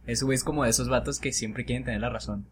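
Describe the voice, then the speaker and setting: A man's voice: medium pitch, fairly even intonation, fast talker, slight background noise. A Mexican man co-hosting a podcast, chatting casually with crude slang. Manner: crude, laid-back slang. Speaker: podcast co-host. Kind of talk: casual chat.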